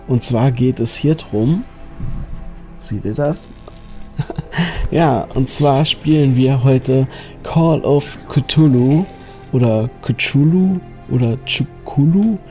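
Mellow, unhurried male gaming host. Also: medium pitch. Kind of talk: casual Let's Play commentary. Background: music.

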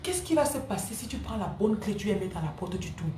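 A woman's voice: medium pitch, very animated, a little fast, warm tone, reverberant, slight background noise. A woman spiritual coach giving a live-streamed spiritual teaching, emphatic and repeating her key phrases, answering viewers' comments by name.

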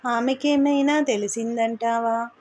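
Brief: gentle young man in love, voiced by a woman narrator, quiet and soft. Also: fairly high pitch, fairly even intonation, measured pace, a little hiss or hum, lightly acted. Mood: wistful.

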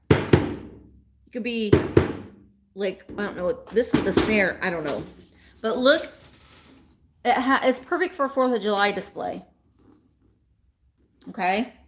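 A woman, chatting bubbly and fast to live viewers from a small room at home. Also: a little high, heavy background noise. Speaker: vintage reseller host. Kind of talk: casual live-stream chat.

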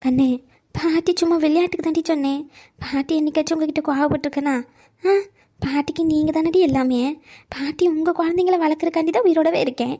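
A woman's voice: high-pitched, fairly even intonation, fast talker, mellow, natural voice. A woman voicing a talkative elderly grandmother in a cartoon who gossips and scolds, then coaxes and pleads with her granddaughter. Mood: coaxing. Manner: scolding gossip turning to coaxing pleas. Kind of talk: cartoon voice acting.

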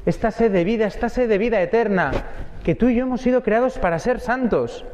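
Priest from preaching earnestly, talks right to you, highish voice, roomy echo. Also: male voice, brisk, a little mellow, dull audio, a little hiss or hum. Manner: earnest, addresses listeners directly. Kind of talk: sermon.

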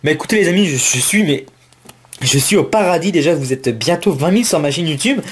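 A man hosting a casual card-opening vlog, listing card names in a running commentary and talking excitedly to his viewers. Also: a little high, fairly quick, slightly rough. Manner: excitable, exclamatory, addresses viewers as friends.

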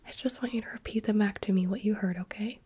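A woman speaks almost entirely in a soft, unvoiced whisper, very breathy and airy. Her tone is dark and mellow, and she coaxes patiently like an examiner running simple tests. She sounds right up against the microphone, as if leaning in by the ear. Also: mid-range voice, fast talker. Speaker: roleplay examiner giving eye and hearing tests. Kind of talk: ASMR roleplay. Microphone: close mic, leaning near the ear.

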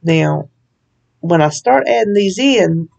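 A woman's voice: fairly low pitch, animated, takes it slowly, gravelly, darkish tone, highs cut off. A woman hosting a home cooking video, talking through a recipe in a chatty, folksy way with frequent laughs. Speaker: cooking channel host. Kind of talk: casual recipe walkthrough.

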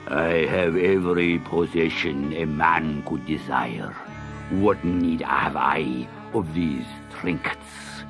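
A man voicing a grand male sultan who speaks slowly and lordly, for a storybook reading. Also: music in the background, exaggerated voice. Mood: haughty. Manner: slow, booming and lordly. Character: grand, slow-spoken male sultan, booming.

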